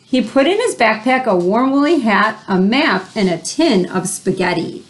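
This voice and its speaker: A woman's voice: on the high side, lively intonation, moderate pace, poor audio. A woman reading a children's picture book aloud, adding chatty asides and simple explanations for young listeners. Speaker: read-aloud host.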